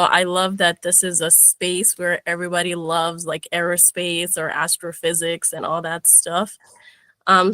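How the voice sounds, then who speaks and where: A woman's voice: on the low side, bright, forceful tone, no room sound. A young woman from Kenya, a guest speaker giving an upbeat webinar presentation over a video call, with frequent "um"s and restarts.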